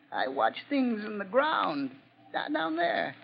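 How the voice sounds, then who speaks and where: A creepy, simple-minded night watchman from a 1940s radio thriller. His very high voice swoops and creaks as he stammers and repeats himself with a hidden menace. The recording is muffled and noisy. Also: huge pitch swings, drawn-out words, exaggerated voice. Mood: meek, creepy. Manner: stammering, repetitive, giggly. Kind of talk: 1940s radio drama acting.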